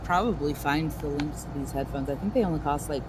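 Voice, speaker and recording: Low-voiced sarcastic woman, noisy headset mic. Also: a little fast. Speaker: livestream co-host. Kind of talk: casual gaming stream chat. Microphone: headphone mic.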